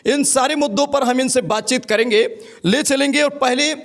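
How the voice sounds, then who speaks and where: A man's voice: extremely high pitch, normal speed, fairly bright tone. A man reporting local news on location from a village panchayat hall, addressing viewers emphatically.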